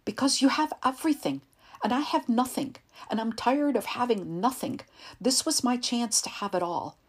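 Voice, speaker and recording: A woman voicing a jumpy, shouting young gunman. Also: on the high side, expressive, normal speed, husky, pitched above the performer's own voice. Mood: confused. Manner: shouting, nervous, confused. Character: agitated young male gunman, desperate and jumpy.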